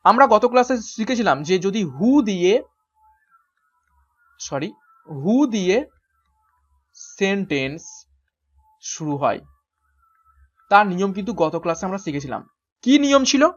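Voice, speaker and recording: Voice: mid-range voice, very animated, unhurried, pauses often, dull audio. A teacher giving an exam-prep grammar lesson, explaining each step and answering their own questions along the way. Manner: spells words out letter by letter. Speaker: English teacher.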